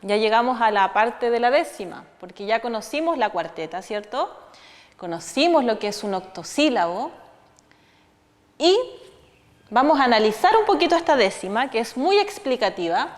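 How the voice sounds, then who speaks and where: A woman's voice: fairly high pitch, big pitch swings, normal speed, in a large hall. A woman with a Chilean accent teaching children about folk verse in an online lesson, asking them questions as she explains. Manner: didactic, asks pupils questions.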